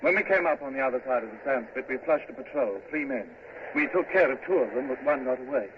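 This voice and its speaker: An actor playing an earnest British naval officer giving clipped, dutiful reports in an old-time radio drama. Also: male voice, medium pitch, lively intonation, fast, lightly acted. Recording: tinny, noisy old radio recording.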